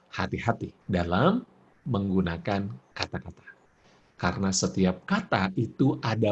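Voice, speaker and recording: A man giving an expressive parenting lecture, laughing often and acting out examples. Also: lowish voice, slightly rough, lo-fi sound. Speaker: parenting speaker.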